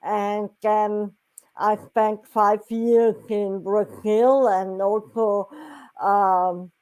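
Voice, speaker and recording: Slow, halting Austrian-accented woman. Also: mid-range voice, dark tone, poor audio. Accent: Austrian German. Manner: halting, searching for words, many restarts. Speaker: guest. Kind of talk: casual interview chat.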